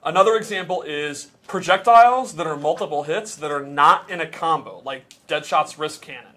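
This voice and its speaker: Higher-voiced man explaining game mechanics. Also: moderate pace, pushed and bright. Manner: patient, walks through examples step by step. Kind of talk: casual technical explanation.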